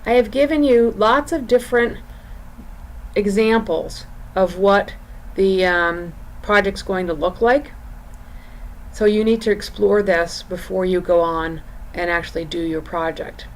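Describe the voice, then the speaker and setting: A woman's voice: mid-range voice, unhurried. Woman instructor teaching over noticeable background noise. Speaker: college graphic design instructor. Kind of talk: informal recorded lesson with screen walk-through. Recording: clear background room noise.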